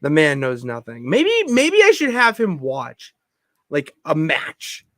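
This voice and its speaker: Excitable rambling male podcast co-host. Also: on the high side, slow pace, no echo, clean studio sound. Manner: excitable, rambling with many restarts. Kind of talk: casual chat. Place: home basement.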